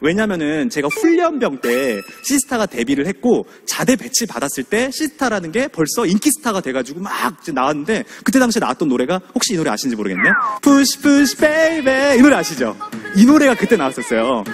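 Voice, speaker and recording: A man in his thirties from Suwon gives a motivational lecture, acting out scenes and asking the audience questions. His high voice leaps and dips with lively energy, over music in the background. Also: fast talker, hardly any pauses. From Suwon, South Korea. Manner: animated, asks the audience questions, acts out scenes. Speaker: guest lecturer.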